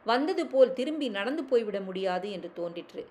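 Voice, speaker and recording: Expressive woman reading a story. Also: medium pitch, moderate pace. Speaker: story reader. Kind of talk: audiobook short story narration.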